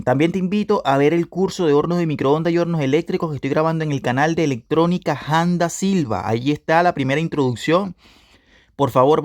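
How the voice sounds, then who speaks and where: Lively man teaching electronics repair. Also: fairly high pitch, dry recording. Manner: repetitive, asks "¿ya?" to check understanding. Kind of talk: video class lecture.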